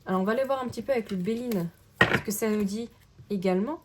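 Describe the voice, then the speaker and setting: A woman giving a casual tarot card reading to camera, in a gentle, searching way that keeps checking in with the listener. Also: mid-range voice, quick pace, very noisy.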